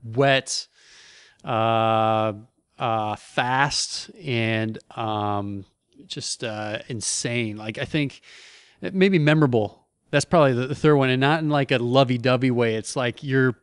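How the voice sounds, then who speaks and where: A man co-hosting a relaxed sailing talk show. His voice is smooth and resonant, and the sound is dry and close with no room echo. He speaks with eager energy and often backs up to restart a phrase. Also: mid-range voice, slow. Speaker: co-host, former onboard reporter. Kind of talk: casual chat.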